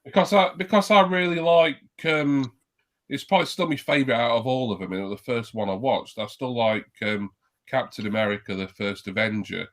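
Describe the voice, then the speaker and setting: A man's voice: mid-range voice, a little fast, a bit bright. A man in casual chat on a livestream call, meandering and thinking aloud as he talks.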